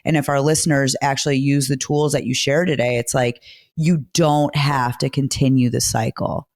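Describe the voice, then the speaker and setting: A woman's voice: a bass voice, fairly even intonation, moderate pace, darkish tone. A woman co-hosting a podcast in casual, heartfelt chat, effusive and emphatic, often repeating her phrases. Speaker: podcast co-host.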